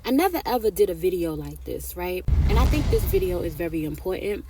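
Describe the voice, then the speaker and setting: A woman's voice: fairly low pitch, expressive, fairly quick, noisy background. A woman in her thirties giving casual life advice to camera, chatty and repetitive, often tagging her points with "right?" or "okay?". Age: 30s. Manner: chatty, repeats herself, tags lines with "right?" and "okay?".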